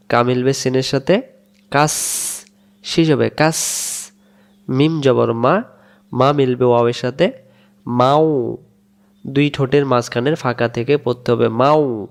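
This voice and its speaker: Slow, patient Bangladeshi man teaching. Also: mid-range voice. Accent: Bangladeshi Bengali. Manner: patient, drills syllables and repeats words slowly. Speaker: Quran reading teacher. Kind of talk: slow spelled-out recitation lesson.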